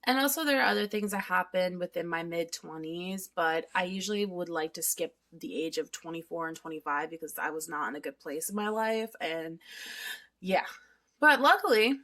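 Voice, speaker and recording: A woman's voice: lowish voice, animated, moderate pace, a bit bright. A thirty-year-old woman vlogging in a chatty, candid way, swearing freely and eating while she talks at home. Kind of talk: casual confessional vlog.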